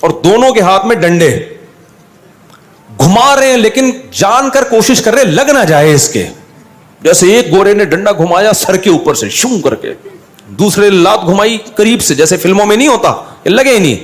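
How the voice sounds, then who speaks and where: A middle-aged man telling anecdotes over a drawing video, animated and acting out other people's lines. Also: high voice, normal speed. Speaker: drawing channel host.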